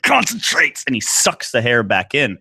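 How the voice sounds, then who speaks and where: A man's voice: mid-range voice, huge pitch swings, normal speed, vocal fry, sharp tone, breathy edge, no echo. A man hosting a casual show from a studio, teasing his co-hosts and laughing often. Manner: joking, teasing banter with frequent laughs. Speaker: podcast host. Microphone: studio mic with headphones.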